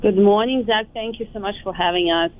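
A woman in her thirties from Ukraine, speaking with a Ukrainian accent, who calls in as a radio guest and talks softly and hesitantly with many fillers. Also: mid-range voice, fairly quick. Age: 30s. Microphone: phone. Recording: dry, tinny phone line.

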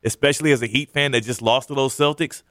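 A man's voice: mid-range voice, steady tone, fast, a bit bright, no room sound. A man co-hosting a sports talk radio show, talking emphatically with playful trash talk in a radio studio.

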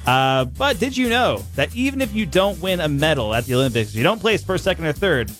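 Lively, higher-voiced American man on radio. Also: brisk, soft background music. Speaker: radio morning show co-host. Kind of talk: casual radio banter.

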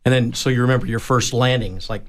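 A man's voice: mid-range voice, fairly even intonation, quick pace. A man and Marine veteran hosts the conversation in an easygoing, everyday voice. He interjects freely, finishing his guest's sentences and adding his own memories.

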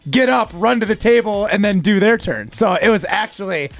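A man's voice: sits high, animated, moderate pace, dry recording, soft background music. A man telling a rambling, laid-back story on a radio show.

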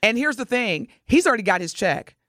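Lively high-pitched woman host. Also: brisk, no echo, studio quality. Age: middle-aged. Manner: animated, playful, teasing. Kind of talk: casual morning show chat.

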